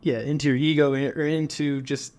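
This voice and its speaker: A man's voice: fairly high pitch, little pitch movement, normal speed, a little mellow. A man in his thirties hosting a podcast, talking in a laid-back, rambling way and laughing easily. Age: 30s. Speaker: podcast host. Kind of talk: casual interview chat.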